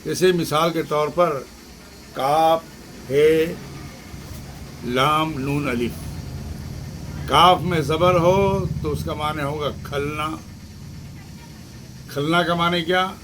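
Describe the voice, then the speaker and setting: A man, a religious scholar, giving a teaching talk on prayer rules. He speaks deliberately, spells out letters and vowel marks one by one, and poses rhetorical questions to his listeners. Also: fairly high pitch, fairly even intonation, a bit bright, rough recording. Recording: clear background noise with passing vehicles.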